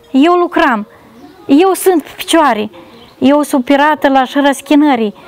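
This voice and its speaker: A woman giving an emotional testimony as a mother seeking help, repeating herself in a pleading way. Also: high voice. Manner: repetitive, pleading.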